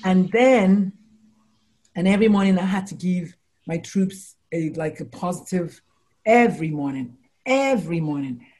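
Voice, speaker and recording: Give me a middle-aged woman telling animated stories in a casual interview, jumping high on exclamations. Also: measured pace. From United States. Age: 40s or older. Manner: animated storyteller, acts out quotes with high exclamations. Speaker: guest, doctor and life coach.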